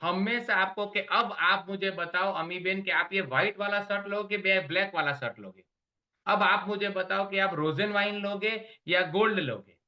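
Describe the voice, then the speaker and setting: A man's voice: high voice, moderate pace, sharp tone, highs cut off. A man giving a motivational business training talk, emphatic and mixing English slogans into his explanations.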